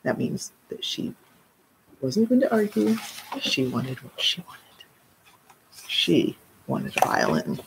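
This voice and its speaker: A woman's voice: rumbling low, wildly swooping pitch, slow, vocal fry, pauses often, noisy background. A middle-aged woman, a children's librarian, reading a picture book aloud in a live story time and adding explanatory asides.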